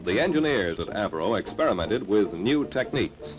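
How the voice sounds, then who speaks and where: A man's voice: fairly low pitch, big pitch swings, normal speed, loud music behind the voice. A man giving scripted narration for an old 1950s newsreel, in a dramatic announcer delivery. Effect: old newsreel recording. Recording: dull lo-fi sound with faint hiss.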